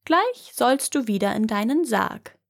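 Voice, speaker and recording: A woman's voice: a little high, expressive, measured pace, vocal fry, heavily acted. A woman voicing a fearless, cocky young man in a fairy tale, speaking boldly and offhandedly. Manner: bold, offhand and unimpressed.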